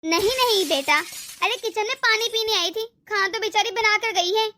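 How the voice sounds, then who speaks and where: A woman voicing a sickly, kind older mother-in-law in an animated family drama, speaking in a soothing, pleading way. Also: extremely high pitch, moderate pace, slight background noise. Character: sickly, kindly older mother-in-law, always defending her daughter-in-law.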